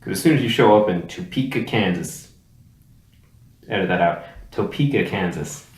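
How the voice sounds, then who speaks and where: A man's voice: sits low, expressive, moderate pace. A man co-hosting a casual movie chat, dry and offhand, often trailing off into mumbles. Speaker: podcast co-host. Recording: echoey room with faint noise.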